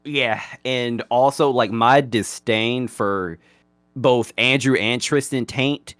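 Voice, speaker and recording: A man's voice: mid-range voice, takes it slowly, a bit bright, dry recording. A man hosting a casual podcast debate, ranting bluntly and swearing freely. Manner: blunt, profane, exasperated ranting. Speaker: host.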